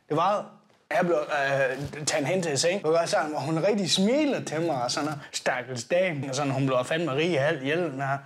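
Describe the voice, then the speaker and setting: A man's voice: a little high, natural voice. An actor playing a crude, boastful young party guy who rambles and keeps correcting himself in a comedic confessional monologue. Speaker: comic character recounting a trip.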